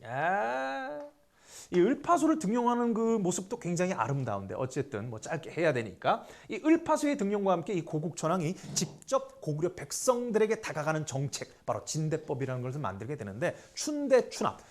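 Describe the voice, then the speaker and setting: A male history teacher lectures with a pitch that bounces up and down as he explains each point. He keeps throwing rhetorical questions at his class and slides between polite and casual speech. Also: very animated, a little fast.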